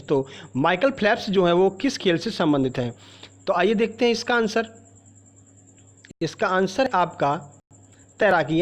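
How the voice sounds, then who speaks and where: A man teaching a general-knowledge quiz for exam preparation, reading out each question and its options, then explaining the answer to the viewer. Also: high-pitched. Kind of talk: exam-prep quiz lesson.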